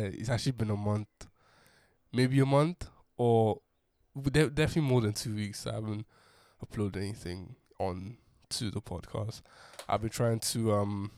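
A man's voice: lowish voice, darkish tone, no room sound, clean studio sound. A young man hosting his own podcast, talking casually in a rambling way with many restarts and fillers. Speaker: podcast host. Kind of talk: casual solo monologue.

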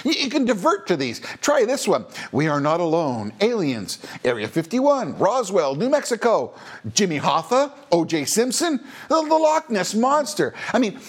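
Lively, high-pitched wry male host. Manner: wry, sarcastic, theatrical emphasis. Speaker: podcast host. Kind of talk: scripted monologue commentary.

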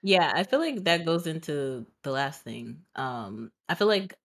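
A woman co-hosting a podcast in casual chat. Her voice is strikingly low. She is relaxed, with loose, hesitant phrasing and frequent laughs. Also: unhurried. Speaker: podcast co-host.

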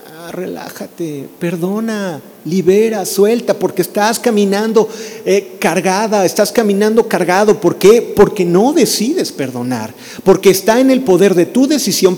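A pastor preaching a sermon, who acts out quarrels between spouses and relatives in quoted voices. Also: male voice, high voice, mellow, big-room sound.

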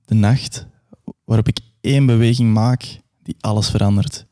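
A man's voice: fairly low pitch, fairly even intonation, moderate pace, mellow. A young man performing a grandiose, absurdist dramatic monologue.

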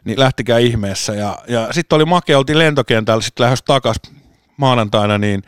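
A man's voice: medium pitch, clean tone, no room sound, clean studio sound. A man co-hosting a podcast, telling long casual stories with lots of restarts and the odd swear word. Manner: rambling storyteller, swears and laughs often. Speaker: podcast co-host. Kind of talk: casual chat.

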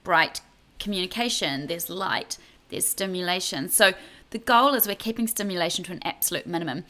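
A woman's voice: lowish voice, a little fast, sharp tone. A woman co-hosting a podcast, giving baby sleep tips in a chatty, casual way with many restarts. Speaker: podcast co-host. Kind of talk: casual advice chat.

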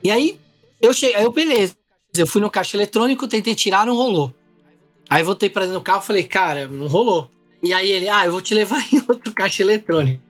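A man's voice: sits high, fast talker, soft background music. A man telling a travel mishap in casual chat, acting out the other people's lines as he goes. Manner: animated storyteller, acts out dialogue.

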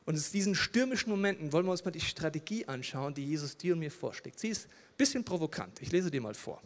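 Lively man preaching in a reverberant hall. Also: on the high side, fast talker. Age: middle-aged. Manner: lively, swings from loud to hushed, talks to listener directly. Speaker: pastor. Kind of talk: sermon.

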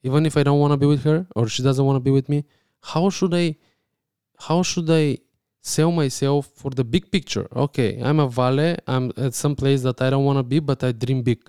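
Man, warm and smooth voice, dry close sound, animated casual storyteller. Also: mid-range voice, normal speed, no room sound.

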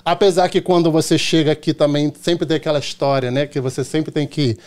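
High-voiced Carioca man telling stories. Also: steady tone, a little fast, a little mellow. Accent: Carioca Portuguese. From Rio de Janeiro, Brazil. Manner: chatty, tells anecdotes acting out quoted dialogue, often tags "entendeu?". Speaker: podcast guest, hairdresser. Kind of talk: casual storytelling in a podcast chat.

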